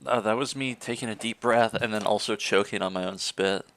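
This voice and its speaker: Gravelly young man teasing his friends. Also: lowish voice, fairly even intonation, a little fast, a bit bright, no echo. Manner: teasing, laughing. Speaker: gamer. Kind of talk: casual gaming banter.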